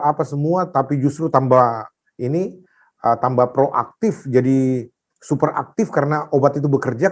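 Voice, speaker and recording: Male pastor sharing an emotional testimony with a lively, expressive voice. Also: on the high side. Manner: animated storyteller, rising to shouted prayer. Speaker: pastor telling his testimony.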